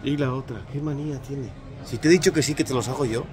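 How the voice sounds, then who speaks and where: A man's voice: medium pitch, fast, a little hiss or hum. Teasing man vlogging while shopping. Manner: teasing, playful, argumentative. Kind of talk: casual chat while shopping. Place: hardware store.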